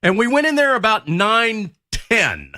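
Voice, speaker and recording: Ranting man with a lively high voice. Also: unhurried. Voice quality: blunt, ranting, politically incorrect cowboy. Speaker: radio co-host. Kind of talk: casual radio chat. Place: radio studio.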